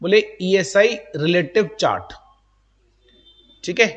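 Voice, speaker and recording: A man's voice: high-pitched, lively intonation, slow. A male teacher giving a live classroom lecture, talking directly and chattily to his students and mixing English terms into his speech. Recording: long room reverb.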